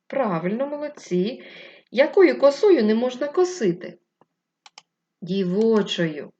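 A woman's voice: lowish voice, animated, measured pace, darkish tone, muffled recording. A woman teaching a remote literacy lesson to young children, patient and instructive, asking the pupils questions and answering them herself. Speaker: primary school teacher.

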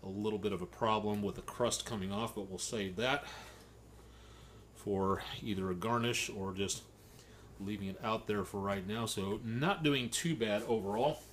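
Chatty man with a low voice. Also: normal speed, a little hiss or hum. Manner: chatty, repetitive, folksy. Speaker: home cook. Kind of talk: casual cooking vlog.

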